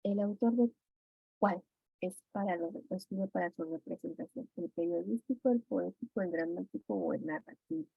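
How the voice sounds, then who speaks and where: A woman's voice: mid-range voice, normal speed, creaky, breathy edge, dry recording. A woman teacher with a Mexican Spanish accent explains exam answers one by one and turns to her students with questions. The sound is dry and a little muffled, as if from a modest mic. She keeps a patient, methodical teaching rhythm. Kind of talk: classroom exam review.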